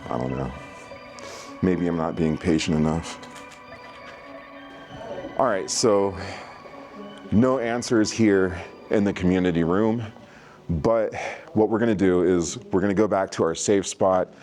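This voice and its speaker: Deep-voiced man vlogging at night. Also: a little slow, pauses often, a little mellow, faint music behind. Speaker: vlog host, ghost investigator. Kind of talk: night investigation vlog, talking to camera and calling out to spirits.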